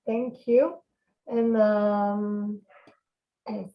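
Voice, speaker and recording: Slow, polite woman moderator. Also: medium pitch, flat delivery. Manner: hesitant, polite. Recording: dull call audio.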